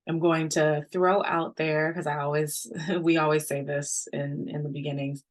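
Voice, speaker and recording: A woman's voice: sits low, level tone, normal speed. A woman co-facilitating an online session, chatty and casual over a video call. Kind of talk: online webinar talk.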